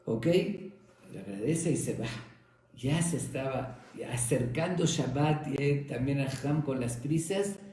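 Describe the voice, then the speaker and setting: A male rabbi teaching a Talmud lesson as an animated storyteller. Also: medium pitch, vocal fry. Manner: animated storytelling, acts out voices. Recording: echoey room.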